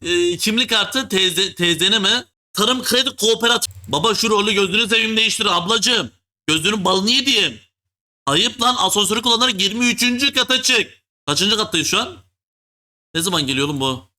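A man hosting a gaming video, joking and teasing as he plays, full of slang and often dropping into a low mock voice. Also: animated, brisk, sharp tone. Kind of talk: joking let's-play commentary.

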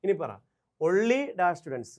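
Very animated and high-voiced, this Keralite teacher races through exam revision. He poses questions only to answer them, hammering key phrases home through repetition.

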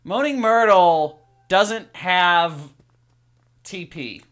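A woman's voice: lowish voice, expressive, drawn-out words, a bit bright. A woman giving wry, chatty commentary while playing a video game. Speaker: game streamer. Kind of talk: casual let's play commentary.

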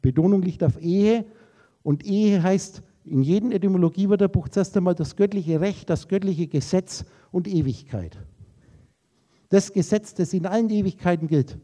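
A man's voice: sits high, moderate pace, warm tone. A man giving a spiritual lecture to a live audience, rambling through associative wordplay on names and letters and talking to his listeners directly and informally. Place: lecture room.

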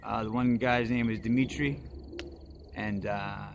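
A man's voice: on the low side, fairly even intonation, slow pace, highs cut off, noisy background. A man hosting his own vlog outdoors at dusk, rambling hesitantly with many fillers and dry, joking asides. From northeastern United States. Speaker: vlog host. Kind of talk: rambling casual monologue.

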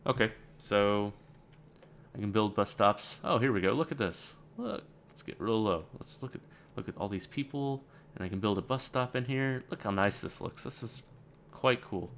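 A man's voice: lowish voice, lively intonation, moderate pace, a bit bright, a little hiss or hum. A man playing a game on camera and thinking aloud, casual and rambling, with dry sarcastic asides. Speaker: let's play gamer. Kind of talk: let's play game commentary.

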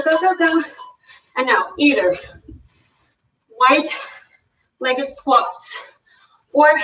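A woman fitness instructor leads a live workout, slightly out of breath as she counts reps and gives energetic, encouraging cues. Her voice sits high, and the recording is roomy, distant, and dull lo-fi.

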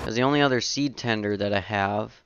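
A young man with a lowish voice talks fairly quickly over a game he's playing, rambling to himself and getting surprised easily, a little sniffly from a runny nose. He's a gaming channel host doing casual let's-play commentary from his indoor home setup. The audio, captured on a headset, is dull and noisy.

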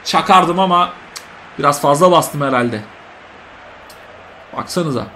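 A young man commentating his own football video game, shouting the play-by-play and grumbling in between. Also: a little high, measured pace, a little hiss or hum. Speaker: gaming commentator.

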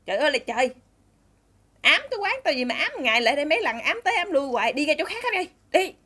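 Woman storyteller doing a harsh, high-pitched café owner woman with a Southern Vietnamese accent, quick and scolding. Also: sing-song, bright, forceful tone, full character voice. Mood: yelling.

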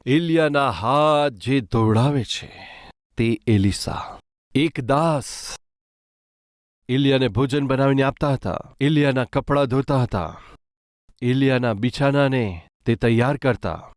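A man preaching a sermon with earnest, rising emphasis, speaking warmly to his listeners as beloved. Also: medium pitch, normal speed, no room sound. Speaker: pastor.

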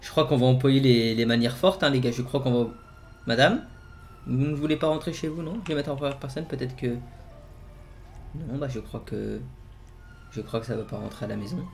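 A man hosting a gaming video, giving playful commentary and jokingly barking commands as a team leader, excitable and joking. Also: medium pitch, a little fast, creaky, long pauses. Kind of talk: playful game commentary with role-play commands.

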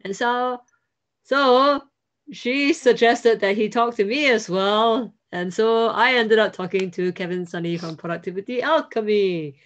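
A woman's voice: on the high side, measured pace. Woman vlogger, dry self-deprecating banter, muffled lo-fi sound. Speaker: vlog co-host. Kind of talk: casual chat.

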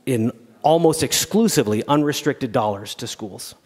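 A man's voice: medium pitch, expressive, normal speed, a little mellow, husky. An American man in his fifties giving a legislative floor speech as a state senator, explaining things with emphasis. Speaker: state senator presenting a bill. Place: large indoor legislative chamber. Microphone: podium gooseneck microphone. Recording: reverberant large chamber.

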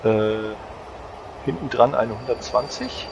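Gravelly man, casual game commentary. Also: medium pitch, slow. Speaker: host. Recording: clear background train simulator noise. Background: train simulator ambience.

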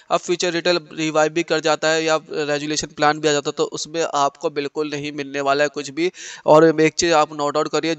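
Man explaining stock charts, flat crisp voice. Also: on the high side, no echo. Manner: explanatory, repeats "dekhiye". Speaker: stock market channel host. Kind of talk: screen-share market analysis.

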